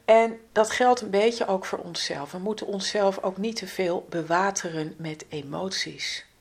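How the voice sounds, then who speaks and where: Slow, creaky-voiced woman giving astrology guidance. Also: medium pitch. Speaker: astrologer, spiritual guide. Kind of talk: spiritual astrology forecast monologue.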